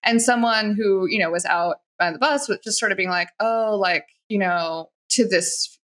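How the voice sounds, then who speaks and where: A woman talks through workplace advice in an easy, conversational way, sprinkling in fillers. She slips into short acted-out quotes to show what someone might say. Her pitch sits in a middle range for a woman. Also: moderate pace, a bit bright. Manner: chatty, many "like" fillers, acts out quoted lines. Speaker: guest expert on workplace conduct.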